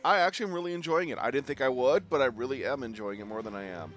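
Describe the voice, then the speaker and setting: Over game music, a man gives live commentary while streaming a game, joking and rambling through his reactions despite a bad cold that leaves him nasal and congested. He talks quickly at medium pitch with a slightly bright tone.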